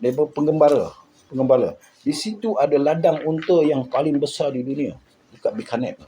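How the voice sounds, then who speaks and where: A man from Malaysia with a Malaysian accent, casually recounting his journey in an animated way, repeating words and acting out the people he quotes. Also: on the high side, a little fast, a little hiss or hum, low-quality recording. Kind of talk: casual storytelling.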